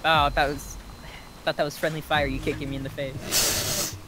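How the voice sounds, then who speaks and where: A man's voice: on the high side, level tone, moderate pace. A young man chatting casually as he plays a co-op game. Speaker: co-op game player. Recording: loud game noise behind voice. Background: video game ambience.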